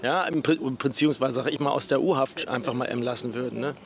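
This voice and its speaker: A man's voice: medium pitch, quick pace, vocal fry. A man answering in a street interview outdoors, hesitant with many fillers. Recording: crowd chatter behind.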